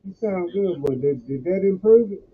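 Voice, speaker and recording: A man co-hosting a casual live stream who sounds hollow and muffled, as if talking from inside a hole, in a relaxed, offhand way. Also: high voice, moderate pace, husky. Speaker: co-host. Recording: muffled phone-like line with faint background hiss.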